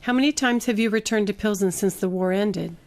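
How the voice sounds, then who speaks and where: Female interviewer, average pitch, delivering prepared questions. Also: a little fast, darkish tone.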